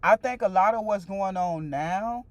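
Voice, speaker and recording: In a dry recording, a woman in her forties speaks in a mid-range voice at a measured pace while hosting a casual stream. She talks loosely, repeats herself, and replies directly to viewer comments.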